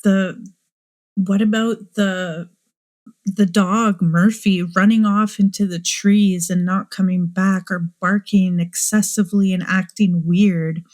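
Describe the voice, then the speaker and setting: Woman, true crime host, unhurried delivery, rhetorical questions, thinking aloud. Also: mid-range voice, steady tone, darkish tone. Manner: musing, asks many rhetorical questions. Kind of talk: speculative true crime commentary.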